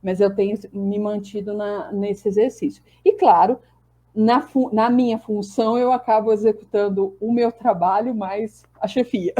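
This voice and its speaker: Chatty woman historian, mellow voice. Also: medium pitch, steady tone, moderate pace. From Brazil. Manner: chatty, restarts often, laughs lightly. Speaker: historian guest. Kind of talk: casual interview answers.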